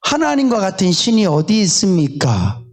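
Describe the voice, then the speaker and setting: Man preaching, candid and chatty, fairly high voice, very lively pitch, casual asides. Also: normal speed. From South Korea. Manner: candid, conversational preaching with frequent fillers. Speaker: pastor. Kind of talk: sermon. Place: church sanctuary.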